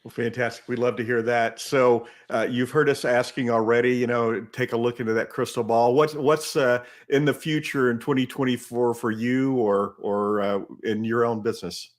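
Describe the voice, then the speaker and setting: A man's voice: mid-range voice, steady tone, moderate pace, hardly any pauses. A man co-hosting a show, reading out award nominees in a jokey, self-deprecating way. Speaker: show co-host, award presenter. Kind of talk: announcing nominees, casual chat.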